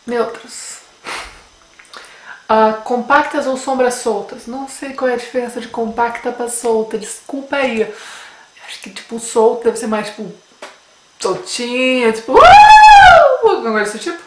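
A Brazilian beauty vlogger in her twenties, with a Brasília Portuguese accent, playfully answers a beauty tag for viewers via webcam in a small home room with a bookshelf. Her slightly high voice swings widely in pitch at a measured pace with frequent pauses, amid roomy echo and faint noise.

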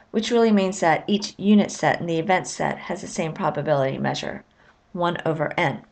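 A woman teaching a recorded class. She explains step by step in a measured, clear way, with now and then a filler word. Her voice sits at an ordinary middle pitch. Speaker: lecturer. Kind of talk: recorded lecture narration.

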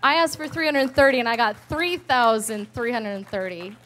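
A woman, an evangelist's wife, telling her personal testimony with animated storytelling, laughing often and acting out her prayers. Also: a little high, moderate pace.

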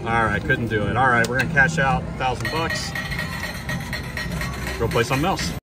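A man giving excited, casual gambling commentary, speaking directly to viewers in an exclamatory way as a channel host. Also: mid-range voice, normal speed. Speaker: slot machine channel host. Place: casino floor, beside slot machine. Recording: distant mic, loud casino music. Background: loud slot machine music.

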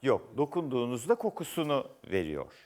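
A man's voice: medium pitch, very animated, brisk, a little mellow. A man hosting a word quiz show, reading clues aloud and teasing the contestant in a playful way. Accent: Turkish. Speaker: game show host.

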